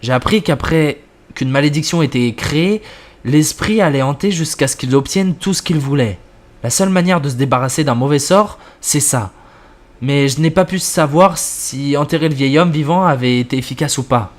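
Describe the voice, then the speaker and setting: A man reading the lines of an elderly woman who explains old curses in a calm, measured way, in a scripted horror story. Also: a little high, close to an everyday voice. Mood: grave.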